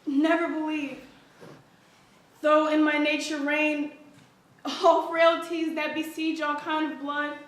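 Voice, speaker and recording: A woman recites a sonnet slowly and deliberately. Her voice is extremely high and rings around a very echoey hall. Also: flat delivery. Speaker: recitation contestant.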